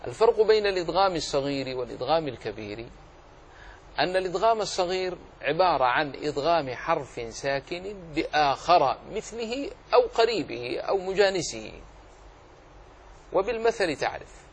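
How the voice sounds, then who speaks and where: A middle-aged man teaching a religious lesson on Quran recitation, explaining rules patiently and slowing down to demonstrate readings. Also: on the high side, big pitch swings, a little hiss or hum. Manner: explanatory, acts out quoted readings slowly.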